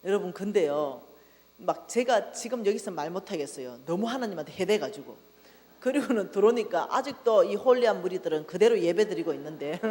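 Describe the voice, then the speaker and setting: A woman preaching a revival testimony, her pitch swinging widely as she tells her story with animated energy. Her voice carries through a church hall with a long reverb tail and a faint mains hum underneath. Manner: animated storytelling, acting out her own past outbursts. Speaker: revival speaker. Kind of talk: sermon testimony.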